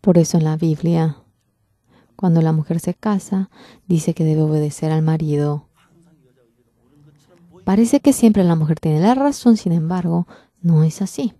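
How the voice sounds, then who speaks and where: A woman interpreting a church sermon, preaching in an earnest, emphatic way with drawn-out stresses. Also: low voice, dark tone, no room sound. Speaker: interpreter for a pastor.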